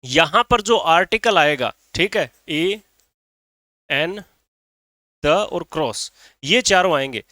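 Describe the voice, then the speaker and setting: A man's voice: fairly high pitch, lively intonation, takes it slowly, pauses often, pushed and bright, no echo, studio quality. A man teaching a grammar lesson in Hindi, who keeps saying "ठीक है" and asks and answers his own questions.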